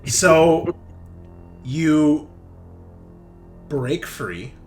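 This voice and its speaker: With music behind him, a game master narrates a tabletop roleplaying game extremely slowly in a slightly high, expressive voice with a darkish tone. He keeps the mood casual and bantering, swearing freely.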